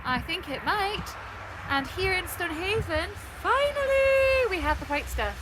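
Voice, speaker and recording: A woman leading a children's sing-along session in a bright, overenthusiastic party host manner, talking to young children. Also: extremely high pitch, lively intonation, moderate pace. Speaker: children's singing session leader. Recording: noisy recording with loud background noise.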